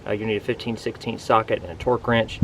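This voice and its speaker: Man, lowish voice, casual vlog explainer, plain-spoken, instructive, outdoors, noticeable wind and traffic noise. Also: fairly even intonation, quick pace. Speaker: RV vlogger giving a product walkthrough. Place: outdoors beside a pickup truck bed.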